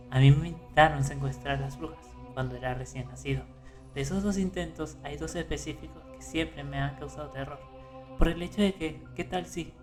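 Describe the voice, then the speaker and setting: A man reading horror stories aloud in calm scripted narration, rising for the tense moments. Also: on the high side. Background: faint music.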